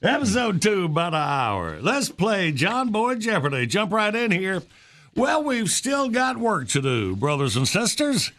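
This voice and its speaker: A man's voice: high voice, wildly swooping pitch, unhurried, a bit bright. A man hosting a morning radio quiz in a folksy, casual way. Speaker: radio morning show host.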